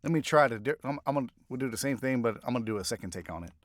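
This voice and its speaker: A man's voice: medium pitch, expressive, racing, dry recording, studio quality. A man voice actor in a recording booth, reading first-person narration takes and muttering to himself between them, often starting lines over. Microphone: studio microphone.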